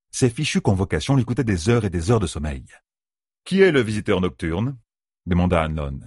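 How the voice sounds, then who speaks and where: Low husky male audiobook narrator. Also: a little mellow, no echo, clean studio sound. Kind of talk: scripted narration.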